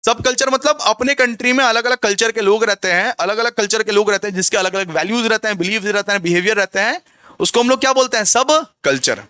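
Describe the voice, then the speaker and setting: Male tutor, high and bright, repetitive question-and-answer revision style. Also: fast, smooth, dry recording, studio quality. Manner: repetitive, asks the class rhetorical questions and answers them himself. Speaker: commerce tutor. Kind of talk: exam revision lecture.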